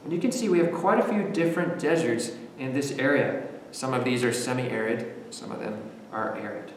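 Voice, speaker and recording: A young man from the western United States, an educator teaching children on a virtual field trip in a lively, questioning manner. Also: mid-range voice, moderate pace, a little hiss or hum. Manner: animated, speaking to children with questions. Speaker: nature center educator. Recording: echoey, distant, long reverb.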